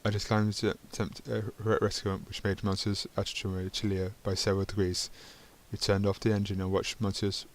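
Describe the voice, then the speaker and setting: Low flat-voiced man reading game text. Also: moderate pace, hardly any pauses, a little hiss or hum. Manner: stumbling reading with dry asides. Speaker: gaming channel host.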